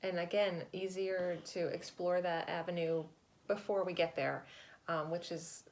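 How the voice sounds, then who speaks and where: Female hospice nurse, slightly low voice, careful explanatory interview delivery, tactful and measured. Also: fairly even intonation, darkish tone, a little hiss or hum.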